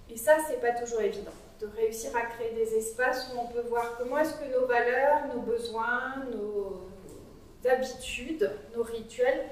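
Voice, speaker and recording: This is an interactive conference talk by a female psychologist whose voice sits on the high side. Conversational and engaging, with frequent "euh" fillers, she addresses a small group in a cool meeting room. She is far from the mic, so the sound is very echoey and remote.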